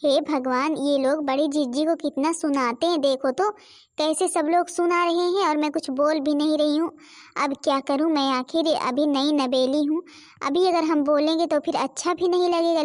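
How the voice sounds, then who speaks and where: A woman voicing a sweet, newly married young daughter-in-law in a cartoon, polite and gentle. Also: high voice, lightly acted.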